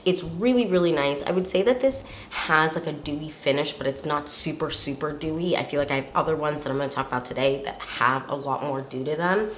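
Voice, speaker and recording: Still getting over a cold, this young woman sounds a little nasal; her voice sits low and is fairly bright, moving a bit fast with hardly any pauses. As a beauty vlogger she reviews products in a loose, rambling, filler-heavy chat, and the echoey room carries faint noise.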